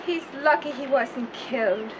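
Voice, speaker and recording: A woman's voice: high-pitched, unhurried. A light, friendly young local woman. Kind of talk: 1960s TV drama acting. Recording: dull lo-fi 1960s TV soundtrack.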